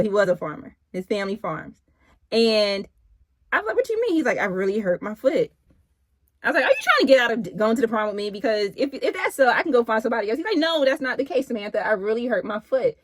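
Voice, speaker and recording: A middle-aged woman casually telling a personal story in an animated, chatty way. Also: mid-range voice, no echo. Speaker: vlogger.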